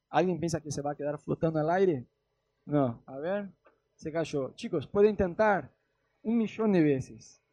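A young Argentine man preaching in a loose, joking way, slipping into quick character voices to act out the Bible. His voice sits high yet mellow, with a husky edge. The sound is close and dry. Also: dry recording. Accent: Argentine Spanish. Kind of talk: casual humorous sermon.

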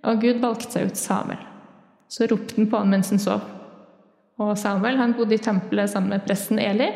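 A woman giving a sermon in church, speaking in a thoughtful, plain way with many small pauses and fillers. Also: medium pitch, darkish tone, roomy sound, in a large hall. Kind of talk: sermon on prayer.

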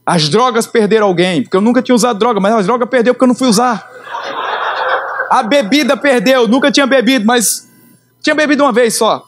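A middle-aged man, preaching his conversion testimony with emotional storytelling that swings in pitch and slows for emphasis. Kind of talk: sermon testimony.

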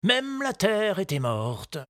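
A woman voicing an old, kindly male gardener who speaks slowly and gravely. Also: on the high side, expressive, a bit bright, no echo, studio quality, pitched above the performer's own voice, heavily acted.

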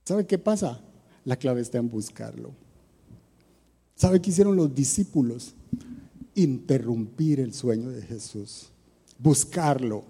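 A man's voice: medium pitch, expressive, slow, creaky, pauses often, dark tone, husky, big-room sound. A man giving a conversational sermon, often putting rhetorical questions to his listeners. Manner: asks the audience rhetorical questions. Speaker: preacher.

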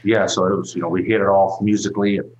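A man's voice: low-pitched, flat delivery, fast talker, a little mellow, low-quality recording. A man, a country singer-songwriter talking in a loose, rambling way, full of fillers and restarts. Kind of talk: casual interview talk.

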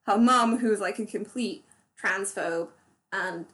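A woman co-hosting a podcast in casual chat, talking fast and loose with many fillers and restarts. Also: mid-range voice, a bit bright. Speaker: podcast co-host.

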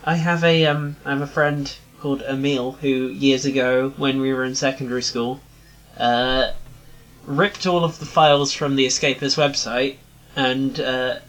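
A man in his twenties, a podcast co-host in casual chat, rambling with many pauses and restarts. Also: mid-range voice, fairly even intonation, fairly bright tone, poor audio.

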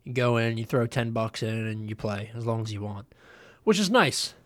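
A young man hosts a casual solo podcast, his voice on the low side, a bit bright, and nasal and congested from a cold. He rambles loosely at a normal speed with plenty of ums and uhs, and there's no echo.

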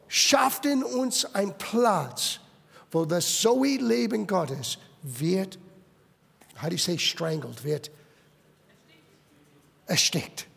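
High gravelly-voiced preacher man. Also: fairly bright tone, long reverb tail. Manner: emphatic, mixes English words into German. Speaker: pastor. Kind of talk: sermon. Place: church sanctuary.

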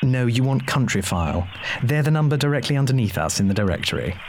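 An actor playing a brisk, unhelpful British continuity announcer in a radio comedy. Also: male voice, medium pitch, sing-song, very noisy, lightly acted. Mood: brisk, matter-of-fact.

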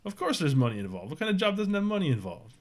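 A man voicing a gruff, businesslike female client on a call about a job. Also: high voice, very animated, fast, voice pushed up. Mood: brisk, businesslike.

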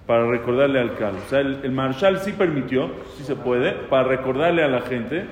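A rabbi teaching a casual lesson on prayer law, talking conversationally, asking questions and quoting prayers aloud. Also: male voice, mid-range voice, animated, moderate pace. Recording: echoey hall with faint ambience.

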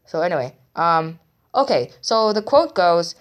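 A young woman talks alone into her podcast mic, low in pitch and candid. She rambles and teases herself as she goes. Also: very animated, measured pace. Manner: candid, rambling and self-mocking. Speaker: podcast host. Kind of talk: solo podcast monologue.

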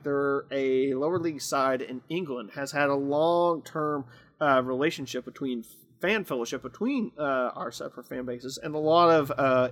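Man, from the midwest, casual podcast host, rambling, lots of uhs, slightly high voice, faint hiss behind. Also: a bit bright. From American Midwest. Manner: rambling, many fillers and restarts. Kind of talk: casual fan podcast chat.

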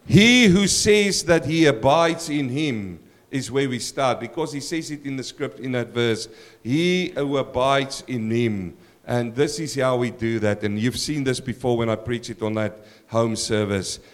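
A man with a croaky voice preaching a sermon as a pastor, putting direct questions and appeals to his listeners. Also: mid-range voice, lively intonation, measured pace.

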